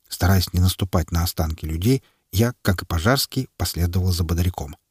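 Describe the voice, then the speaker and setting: A man narrating a first-person action story in a steady storytelling manner. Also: low voice, a little fast, husky, no room sound, clean studio sound. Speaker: audiobook narrator.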